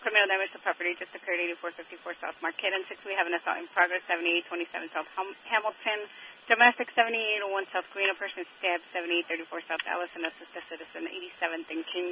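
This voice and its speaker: A man working as a police dispatcher, reading out calls in rapid, clipped bursts over a police radio channel. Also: high voice, fairly even intonation. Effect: police radio transmission. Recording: tinny scanner radio with faint static.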